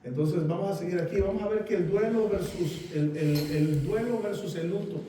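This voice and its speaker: Man, pastor, halting sermon, fillers, slightly high voice, echoey distant room. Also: mellow, a little hiss or hum. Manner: halting, repeats words, many fillers. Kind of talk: sermon with congregation sharing.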